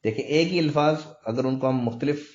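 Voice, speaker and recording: A man's voice: mid-range voice, darkish tone. A man teaching a step-by-step recitation lesson, patiently explaining and repeating words, drawing them out to demonstrate. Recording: dull lo-fi recording.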